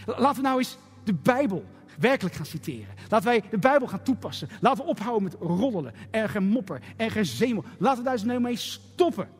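Pastor, male, middle-aged, emphatic sermon delivery; high husky voice, church hall reverb. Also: sing-song, quick pace. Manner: preachy, emphatic, with rhetorical questions. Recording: echoey hall with faint music.

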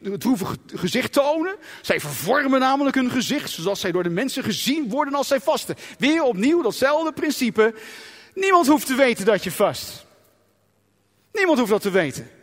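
A man preaching a sermon in an emphatic, dramatic way, sometimes acting out inner voices. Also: high-pitched. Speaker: pastor. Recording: long reverb of a church hall.

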